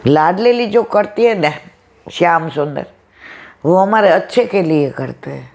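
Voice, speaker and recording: A woman's voice: lowish voice, moderate pace. A woman telling a devotional story at a satsang, acting out the dialogue as she goes. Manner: lively retelling, acts out the dialogue. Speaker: satsang speaker.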